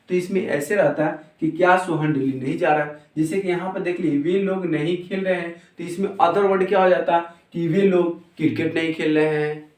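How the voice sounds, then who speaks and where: A man teaching English grammar in a lesson, explaining each step slowly and repeating words. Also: sits high, a little mellow, far from the mic. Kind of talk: Hindi-language grammar lesson. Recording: roomy echo, voice off-mic.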